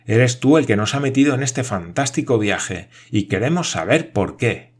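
A man voicing an excitable adventurous man who shouts in exalted outbursts, husky-voiced. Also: mid-range voice, moderate pace, voice pushed up. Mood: heated.

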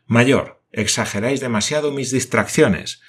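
A man's voice: mid-range voice, unhurried, slightly rough. A man doing Paganel, a frantic absent-minded scholar. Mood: indignant. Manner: indignant, theatrical exclamations. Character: excitable absent-minded male scholar geographer. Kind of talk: audiobook character voice.

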